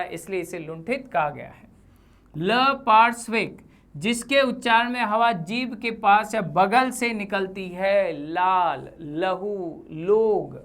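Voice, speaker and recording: A woman teaching Hindi grammar for exam preparation over slides, saying each sound slowly with example words. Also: medium pitch. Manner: slow, deliberate, spells out sounds with example words. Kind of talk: exam-prep lesson.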